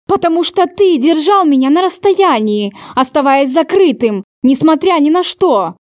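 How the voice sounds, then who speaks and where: A woman's voice: high-pitched, expressive, normal speed, no echo, clean studio sound, pitched above the performer's own voice. A woman voicing a hurt young woman who pleads in a trembling, raised voice. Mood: pleading.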